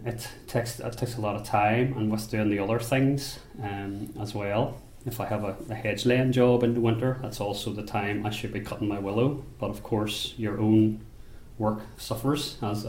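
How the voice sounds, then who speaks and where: A man from Belfast with a Northern Irish accent, a basket maker talking about his craft in an unhurried, thoughtful way, often restarting his sentences. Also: on the low side, fairly even intonation, a little mellow, echoey room. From Belfast, Northern Ireland. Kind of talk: interview monologue. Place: rural workshop or home.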